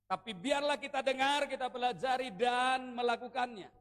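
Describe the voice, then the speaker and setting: Male preacher with a strikingly high voice; lively, jokey sermon delivery that calls for congregation response. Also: normal speed. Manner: animated, joking, leads the congregation in repeating phrases. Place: church worship service.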